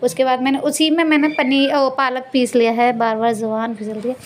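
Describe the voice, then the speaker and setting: A woman's voice: high voice, little pitch movement, a little fast. A woman chatting casually through a cooking vlog in her home kitchen, chuckling and laughing at her own slips of the tongue. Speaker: vlogger.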